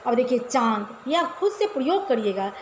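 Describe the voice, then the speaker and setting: A woman's voice: on the high side, very animated, moderate pace, a little hiss or hum. A woman teacher giving a casual class to children, explaining step by step and often asking the pupils questions. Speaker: Hindi teacher. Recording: echoey room with faint ambience.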